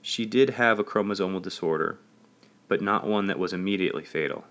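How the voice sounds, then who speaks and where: A man's voice: low-pitched, brisk, a bit bright. Earnest man narrating a memoir. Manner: earnest, reflective. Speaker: audiobook narrator.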